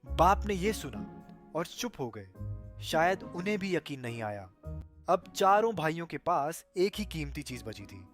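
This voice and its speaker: A man's voice: on the high side, sing-song, unhurried, fairly bright tone, soft background music. A man telling a comic cartoon story as narrator in a playful way.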